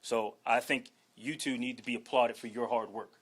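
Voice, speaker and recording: A man's voice: medium pitch, steady tone, moderate pace, a bit bright, slightly rough. A man from Washington, D.C., in his forties, a new head football coach giving an earnest, emphatic introductory speech and often tagging lines with "okay?". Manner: emphatic, punctuates with "okay?" and "all right?"; earnest, holding back emotion. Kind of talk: introductory press conference speech.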